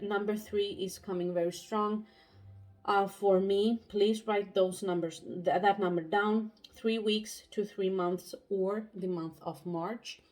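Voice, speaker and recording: Breathless young woman, pregnant, halting tarot reader, casual monologue. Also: medium pitch, a little mellow. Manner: halting, many fillers and restarts.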